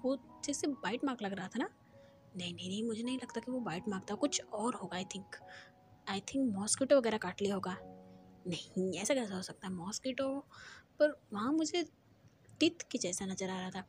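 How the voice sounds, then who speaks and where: A woman reading the inner thoughts of a puzzled young man, in a hushed, wondering way. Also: on the high side, close to an everyday voice.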